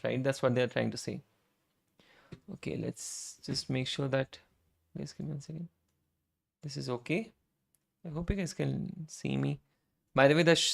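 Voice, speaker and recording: A streamer who is also a software engineer talks casually during a live coding session, his medium-pitched voice rough and nearly spent. He frequently clears his throat and ends statements with "right?", with keyboard typing and clicking in the background.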